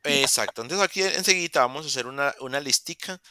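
A man's voice: mid-range voice, fast talker, bright, forceful tone, no room sound, studio quality. A man, teaching English in a virtual class and patiently repeating words to model pronunciation. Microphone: video call.

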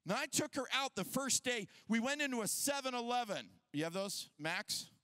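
A male pastor preaching a sermon at a conference, energetic and casual, joking and using slang. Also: very high-pitched, moderate pace, dry recording. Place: conference stage before a crowd.

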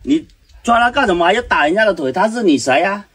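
A man's voice: sits high, lively intonation, fast talker, a bit bright, husky, heavily acted. A man in his thirties playing an easygoing, crafty villager in a rural comedy skit. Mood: puzzled, feigning innocence. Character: easygoing male villager, crafty protector of a stranger. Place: outdoors at a village house doorway.

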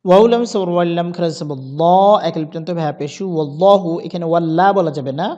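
A man with a Bangladeshi Bengali accent teaching Quran reading, spelling each word letter by letter and then chanting the verses slowly. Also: on the high side, dark tone. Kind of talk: spelled-out Quran recitation lesson.

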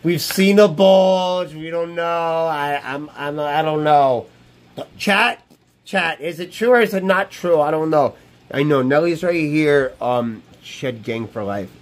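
Slowly and loosely, a man with a slightly high voice curses his way through a live stream from a small room, bragging, riffing with chat, and circling back to repeat himself. He's brash, and his wired earbud mic sits close to his mouth.

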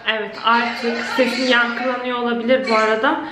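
Casting note: young woman, home vlogger, tired but chatty, voice bouncing around a bare unfurnished room, slightly high pitch. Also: level tone, fairly quick, distant mic, over music. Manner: chatty, talking straight to her viewers. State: worn out from a long day of work. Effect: echo of a bare, empty room with no furniture. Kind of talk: casual chatty vlog while renovating. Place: indoors, a small freshly painted empty room at home. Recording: echoey empty room with faint ambient noise.

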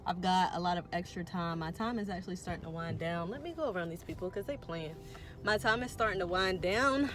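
Her voice runs low and a little fast as she drives and vlogs, slightly out of breath. The young woman rambles casually with slang and self-deprecating humor, and clear background music plays in the car.

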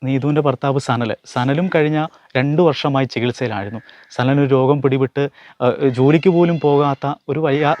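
A man reports an earnest charity appeal at an ordinary middle pitch. He talks plainly and sincerely, pausing and restarting now and then as he searches for words. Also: a little mellow, lo-fi sound. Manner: earnest, with small hesitations. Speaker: news reporter.

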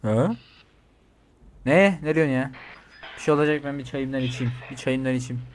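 A man giving crude, excitable commentary while playing a game, reading out the other characters' lines and yelling when startled. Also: mid-range voice, normal speed, slight background noise. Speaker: gaming streamer. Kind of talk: swearing playthrough commentary.

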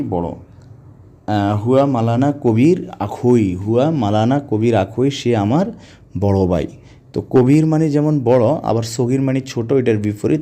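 A man from Bangladesh teaching spoken Arabic vocabulary, explaining words slowly and repeating them one by one. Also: medium pitch, warm tone. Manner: slow, repetitive word-by-word explaining.

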